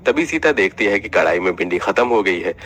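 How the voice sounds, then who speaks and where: A man narrating an animated family story in steady scripted storytelling. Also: low voice, fairly quick.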